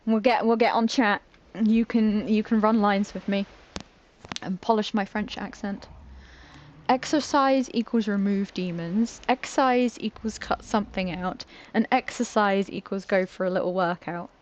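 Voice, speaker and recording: A British woman streams a game while chatting casually, giggling and teasing herself when she trips over words. Her voice is medium-pitched and measured, and the audio has the highs cut off with a little hiss or hum.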